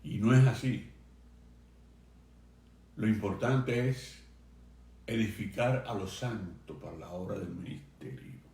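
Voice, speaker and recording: A man pastor preaching a sermon to a remote congregation, earnest and emphatic, slowing down to stress key phrases. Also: fairly low pitch, darkish tone, reverberant. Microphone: video stream for a remote congregation.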